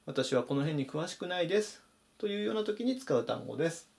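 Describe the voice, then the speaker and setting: Lively-voiced man teaching English words. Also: fairly high pitch, fairly quick, gravelly. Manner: methodical, stresses pronunciation points. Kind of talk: explanatory vocabulary lesson.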